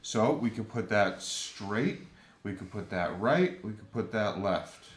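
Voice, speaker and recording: A man's voice: lowish voice, animated, slow pace, reverberant. A man casually walking through the rules of a board game step by step, thinking aloud as he lays out cards. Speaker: game designer explaining a board game. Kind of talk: casual explanation.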